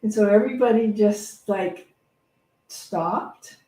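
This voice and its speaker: Slow and dark-toned, her mid-range voice carries a reflective, story-driven inspirational talk given without a script. This woman reverend repeats phrases as she feels her way forward, and the echoey room and far-off microphone color the sound.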